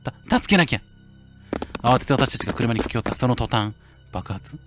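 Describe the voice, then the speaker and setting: A man's voice: medium pitch, normal speed, over music. Japanese man playing a horror game. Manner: reads game text in a hushed tone, breaks into loud excited shouts. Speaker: game streamer. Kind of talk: horror game playthrough, reading dialogue aloud with commentary.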